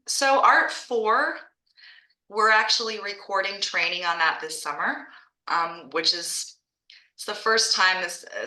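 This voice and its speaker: A woman's voice: low-pitched, pushed and bright, reverberant, rough recording. A woman who founded an art school franchise and teaches art, presenting on a video call in a chatty, enthusiastic way and often restarting her phrases.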